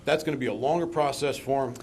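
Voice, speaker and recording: A man's voice: medium pitch, steady tone, fast talker, a little mellow. A man speaking as a resident at a town council meeting, rambling and colloquial as he argues about local traffic. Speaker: resident speaking at public comment. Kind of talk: public meeting comment.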